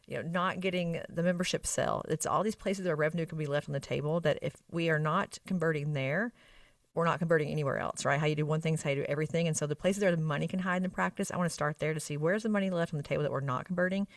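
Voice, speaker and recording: A woman's voice: low voice, fast, dry recording, studio quality, far from the mic. A woman with an Arkansas Southern accent explains things emphatically in a conversational expert interview, often checking in with short tag questions. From Arkansas, United States. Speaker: guest expert on medical spa practice operations.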